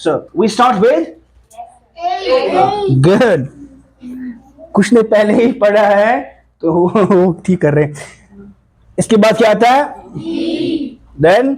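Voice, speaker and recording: A man's voice: sits high, slow, long pauses, a little mellow, low-quality recording. A man teaching English pronunciation to a classroom, mixing Hindi and English and drilling the students on sounds. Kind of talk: classroom lesson.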